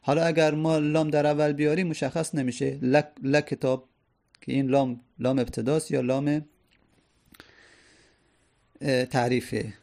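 Male teacher, raised pitch, gravelly edge; methodical lecture, asks and answers himself. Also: level tone, long pauses, warm tone. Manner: explains step by step, repeats terms, asks and answers his own questions. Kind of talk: grammar lesson.

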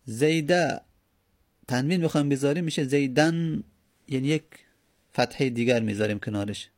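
A man's voice: mid-range voice, darkish tone. A man teaching Arabic grammar, explaining patiently step by step and repeating his examples. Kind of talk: explaining lesson.

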